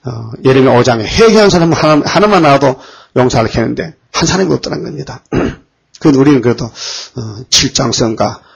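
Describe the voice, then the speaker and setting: A man preaching a sermon, often pausing to put questions to the congregation. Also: medium pitch, animated, gravelly, slightly rough, low-quality recording. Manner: rhetorical questions to the congregation, frequent fillers.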